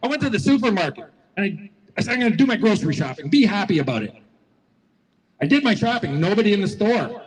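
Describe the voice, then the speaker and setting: Guy with a high voice telling folksy stories at a rally, long echo off the square. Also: very animated, quick pace. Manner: folksy, repetitive, storytelling. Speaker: rally speaker. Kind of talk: motivational speech to a crowd. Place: outdoor public square rally.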